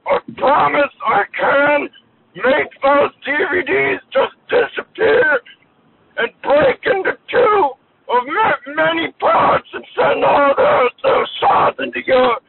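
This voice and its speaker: Man doing a whiny anime queen, over a landline phone, very high, gravelly, tinny phone sound, loud hiss. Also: heavily acted. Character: shrill, self-styled male "Queen of Anime", petulant and threatening. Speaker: caller leaving a voicemail.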